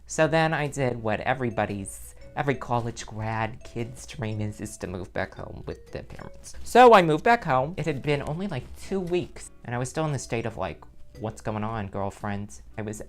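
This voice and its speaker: A very low-voiced, sassy middle-aged nun, as a woman plays her, rambling in a comic vlog. She swings her pitch widely, tumbling from one self-interrupting aside to the next. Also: sing-song, normal speed, soft background music, heavily acted. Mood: chatty. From New Jersey. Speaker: vlog host. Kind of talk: comedic character vlog.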